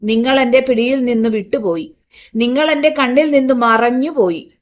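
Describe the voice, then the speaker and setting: A woman's voice: on the high side, moderate pace, muffled recording, pitched above the performer's own voice, lightly acted. A woman voicing a proud, grieving older uncle in an audiobook, choked with feeling at times and stern at others. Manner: choked, then stern and commanding. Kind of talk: audiobook reading.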